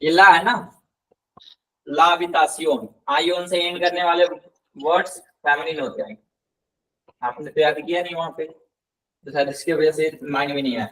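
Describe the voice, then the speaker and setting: A man teaching a live language class, patiently repeating words slowly and quizzing his students. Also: on the high side, fairly even intonation, a bit bright. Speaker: Spanish tutor. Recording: voice somewhat distant from the mic.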